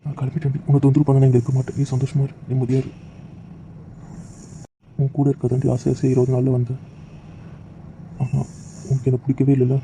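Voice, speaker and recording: A man playing a tearful, heartbroken young man with a gravelly voice. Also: medium pitch, level tone, fairly quick, slight background noise, lightly acted. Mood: sad, pleading. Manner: soft, subdued, pleading. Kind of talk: amateur audio drama.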